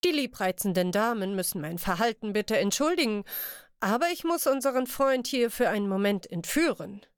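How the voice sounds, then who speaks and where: A woman voicing a sly, smooth-talking male master thief who speaks low and conspiratorially in an audiobook. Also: animated, normal speed, no echo, clean studio sound, close to an everyday voice. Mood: sly, hushed. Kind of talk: audiobook character voice.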